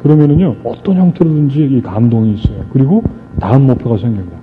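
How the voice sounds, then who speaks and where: A middle-aged man giving an animated storytelling speech to a live audience, joking with the crowd and acting out conversations. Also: mid-range voice, quick pace. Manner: animated, re-enacts dialogue and jokes with the crowd. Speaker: motivational speaker. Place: stage before a live audience. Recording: tinny lo-fi archive recording with faint music.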